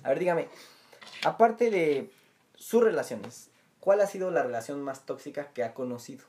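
A man's voice: on the high side, very animated, moderate pace, darkish tone, slight background noise. A man hosting a joking casual chat, teasing his friend and repeating his name. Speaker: host.

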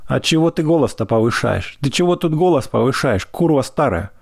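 A man's voice: mid-range voice, expressive, brisk, vocal fry, a little mellow, breathy edge, voice pushed up. A man reading aloud and voicing a short, lame, hot-tempered young village driver who blusters indignantly. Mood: furious.

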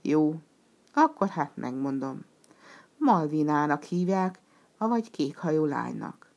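Piero, a mournful gentle clown played by a woman. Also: deep voice, sing-song, lo-fi sound. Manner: mournful and plaintive. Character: sad, gentle male clown.

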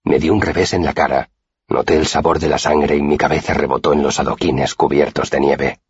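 Man reading an audiobook, super deep voice, raspy, steady and measured, dry dull lo-fi sound. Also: no echo. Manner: steady, measured first-person storytelling. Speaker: narrator. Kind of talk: scripted audiobook narration.

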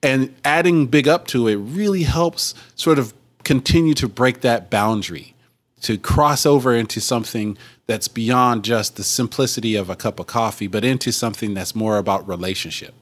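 A man's voice: medium pitch, moderate pace. A man co-hosting a podcast in a playful, reflective, upbeat way. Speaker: podcast co-host. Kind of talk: casual podcast chat.

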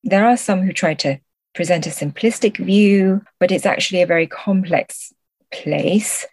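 Born in Guangzhou and raised in the UK after moving there young, this middle-aged woman is a literary translator explaining her work thoughtfully as a podcast interview guest. She speaks at normal speed in a fairly low, slightly mellow voice, and the recording is dry and rough.

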